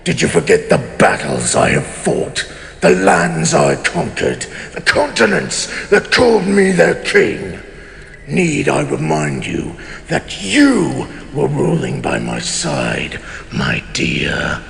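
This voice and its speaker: A man's voice: on the high side, huge pitch swings, slow, creaky, fairly bright tone, exaggerated voice. A man playing a haughty, betrayed immortal king in a fantasy audio drama, pompous and sardonic in formal archaic speech. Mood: indignant, outraged. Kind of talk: dramatic audio roleplay monologue. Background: music.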